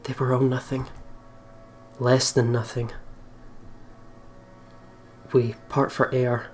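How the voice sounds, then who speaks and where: Hosting a let's play, a man casually comments and reads the story text aloud at a slow pace. His medium-pitched voice moves little in pitch, with visual novel game music playing behind him.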